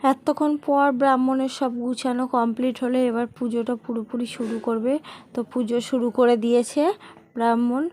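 A woman's voice: on the high side, level tone, brisk, darkish tone. A middle-aged woman chatting casually to viewers as she narrates a family home vlog, rambling and addressing them directly. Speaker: vlogger.

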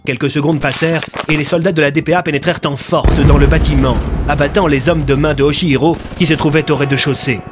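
A man reading a dramatic audio story in a steady, expressive voice. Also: fairly high pitch, quick pace, few pauses, noisy background. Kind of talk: scripted dramatic narration. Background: faint music.

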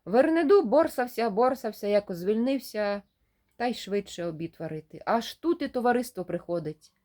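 A woman's voice: fairly high pitch, normal speed. A woman retelling a folk tale aloud, acting out each character's lines with a raised voice. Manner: animated, acts out dialogue with raised voice. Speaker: storyteller.

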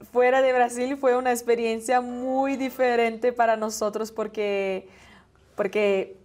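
A woman's voice: a little high, a little mellow. A young woman from Brazil, a native Portuguese speaker with a Brazilian Portuguese accent, answering interview questions casually and sometimes searching for the right word. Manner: searches for words, asks for help with them. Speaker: singer, interview guest.

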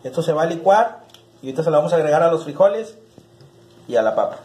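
In a small home kitchen, a man in his thirties with a Mexican accent hosts a laid-back cooking tutorial, speaking directly to the camera as he chops and stirs. His voice sits on the higher side and he talks fast. The camera mic picks him up from medium distance, with echo and faint noise in the room.

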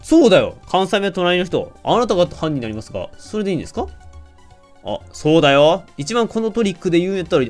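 Animated Kansai-accented game streamer. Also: male voice, high voice. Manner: playful, animated, jokes with the game and often laughs. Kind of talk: let's-play commentary reading character lines.

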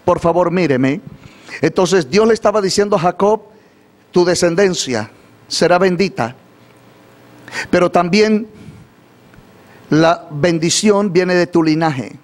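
A man's voice: sits high, slow pace, pauses often. A man preaching a sermon in Spanish, often asking the congregation to repeat after him and answer his questions. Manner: asks the congregation for call-and-response, repeats questions. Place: church or studio, livestreamed.

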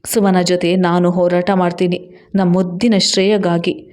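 A woman's voice: lowish voice, moderate pace, natural voice. A woman doing a firm older mother-in-law. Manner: firm, steady voice.

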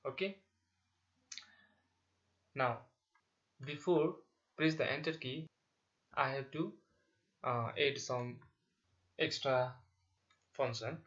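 A man giving a step-by-step software tutorial, dictating instructions in short, halting phrases. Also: medium pitch. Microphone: voice-over on a screen recording. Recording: dull, lo-fi sound with clicking.

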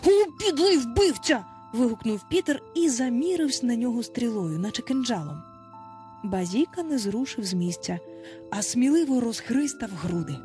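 A woman narrating a children's storybook aloud with animated expression. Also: a little high, moderate pace, soft background music. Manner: animated, voices each child in turn. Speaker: audiobook narrator.

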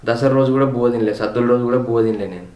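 A man's voice: mid-range voice, fast talker, darkish tone, roomy sound. A man with a Telangana Telugu accent, a vlogger telling his family's story in a heartfelt, reflective way, repeating words for emphasis. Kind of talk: personal storytelling on a home tour.

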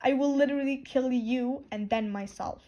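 A foul-mouthed, hot-tempered teenage boy, read out by a young woman in a casual storybook reading. He spits out crude insults in a fairly high, unpolished voice. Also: moderate pace, mellow, slight background noise, close to an everyday voice. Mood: snarling. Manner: swears a lot, snarls insults.

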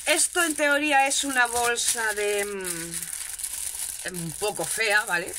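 A woman's voice: mid-range voice, slow pace, noisy background. A woman chatting casually at her home craft desk, showing off a shopping haul in a chatty, self-mocking way and checking in with her viewers often. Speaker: crafting vlogger.

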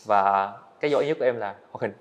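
His voice sits on the low side and he talks fast: an eighteen-year-old animator, guesting on a podcast in an indoor studio, telling his story earnestly and candidly with hesitant restarts. The audio is dull and lo-fi.

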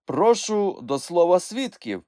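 A self-important little male creature as a woman reads him aloud presiding over a mock trial in a storybook, his voice lifted and loud. He talks in stern, clipped orders, and the recording is dry and close. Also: on the low side, very animated, slow, no echo, voice pushed up. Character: pompous young male creature acting as judge.

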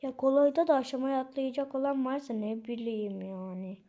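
A young woman chatting casually as she plays through an online obstacle game, talking to her viewers with excitable outbursts. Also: high-pitched, brisk. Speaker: gaming channel host.

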